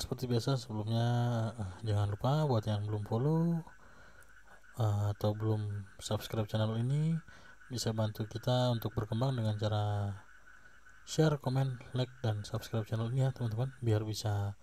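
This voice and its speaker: A man hosts a stock market channel, casually walking through charts in a fairly low voice at a normal pace. He pauses often, leans on fillers and tag questions, and coughs slightly. There is a little background noise, and his manner stays relaxed throughout.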